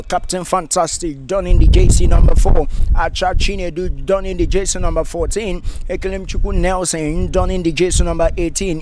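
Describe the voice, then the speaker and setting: A man giving pre-match football commentary, formally reading out a team list in a steady rhythm. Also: high-pitched, noisy background.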